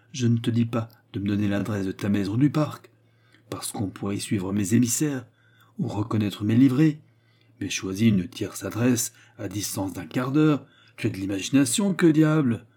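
A man's voice: mid-range voice, mellow, husky. A man voicing a scheming, garrulous old male baron who needles his son, in an audiobook reading. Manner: sly, needling, boisterous. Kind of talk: audiobook character voice.

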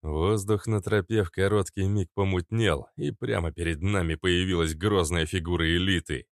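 A man narrating an adventure audiobook in the first person, steady and even, on a close studio mic. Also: low-pitched, moderate pace, no echo.

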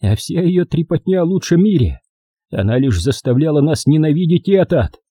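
An angry young man with a gun, loud and defiant, as a narrator voices him. He speaks a bit higher than the reader's own voice, dark and husky. It is a dry, close audiobook recording. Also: animated, normal speed, no echo. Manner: forceful, shouting.

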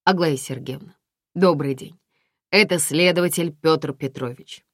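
Woman reading a formal, dry police investigator, low measured voice, close and dry audiobook sound. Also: dry recording. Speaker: audiobook reader.

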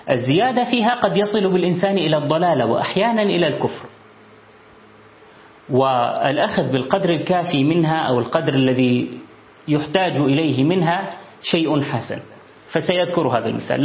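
A man giving an Islamic studies lesson, reading from a book and explaining it in a measured way with thinking pauses. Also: fairly high pitch. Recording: roomy, dull lo-fi sound.

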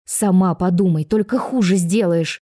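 A woman's voice: fairly low pitch, moderate pace, dark tone, dry recording, clean studio sound, close to an everyday voice. A woman voicing an exasperated young granddaughter who scolds in a curt way. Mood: urging.

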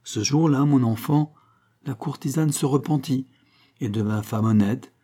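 A man's voice: mid-range voice, measured pace, dark tone, natural voice. A man voicing a scheming woman posing as a countess in an audiobook, speaking in a theatrical, pleading manner. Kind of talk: audiobook character reading.

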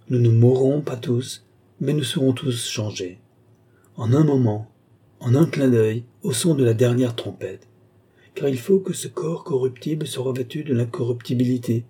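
A man voicing a male pastor who reads funeral scripture slowly and solemnly. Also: medium pitch, mellow, husky, natural voice. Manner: slow, solemn liturgical reading.

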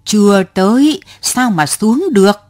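Woman reading as a stubborn old lady in her 70s, curt, unbothered, husky, storybook. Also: lowish voice, lively intonation, moderate pace, no echo, clean studio sound. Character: stubborn elderly woman passenger, curt and unruffled.

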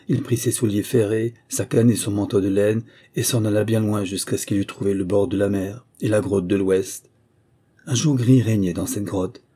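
Male fairy-tale narrator, low, very dark and husky, calm measured delivery. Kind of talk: scripted audiobook narration.

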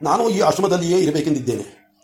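A man's voice: fairly high pitch, lively intonation, quick pace, a little mellow, echoey room, close to an everyday voice. Earnest young disciple woman, read by a man. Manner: earnest, respectful pleading.

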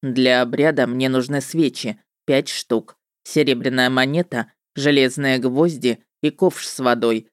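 A woman's voice: rumbling low, fairly even intonation, a little slow, hardly any pauses, no echo, clean studio sound, pitched below the performer's own voice. A woman voicing a brash, cocky male witcher in an audiobook, talking in a curt, dismissive, matter-of-fact way. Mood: businesslike.

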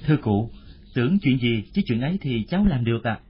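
A man's voice: medium pitch, lively intonation, fairly quick, breathy edge. A man doing a humble young wandering musician. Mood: polite, earnest. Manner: deferential, polite. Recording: muffled lo-fi audio.

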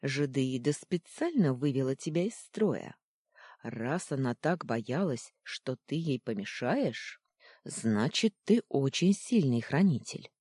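A storyteller voicing a kind, gentle aunt who talks soothingly in an audiobook. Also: mid-range voice, very animated, slow, breathy edge, no echo, studio quality, exaggerated voice. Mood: reassuring.

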